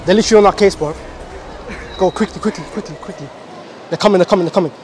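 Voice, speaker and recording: Rapid-fire and high-pitched yet darkish in tone, this prank vlogger in his twenties delivers brash London roadman slang in a casual vlog style. He's filming in a large clothing store and shopping centre.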